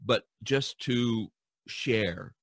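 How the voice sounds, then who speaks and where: This podcast host speaks very slowly in a lowish voice with vocal fry and some brightness. He's chatting in a loose, rambling way among artist friends, recorded dry.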